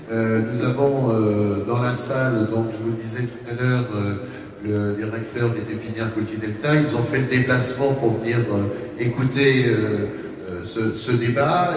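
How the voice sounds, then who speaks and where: A man's voice: medium pitch, a little hiss or hum. A man moderating a panel debate off the cuff, hesitant and often repeating his words. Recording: very echoey hall, distant mic.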